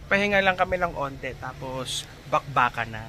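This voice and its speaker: A woman's voice: a bass voice, animated, normal speed, sharp tone, a little hiss or hum. A woman filming a casual walk-through vlog of a beach resort house on a handheld phone, chatty and exclaiming as she shows each spot. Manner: chatty, exclaiming tour guide. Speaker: family vlogger.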